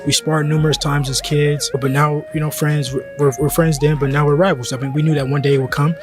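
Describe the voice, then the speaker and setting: Relaxed man answering an interview. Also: fairly high pitch, brisk, music in the background.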